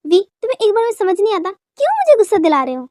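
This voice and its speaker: A woman's voice: extremely high pitch, big pitch swings, fast talker, warm tone, no room sound, clean studio sound. A woman doing [name], a curt, irritated young wife. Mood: annoyed. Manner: curt, scolding.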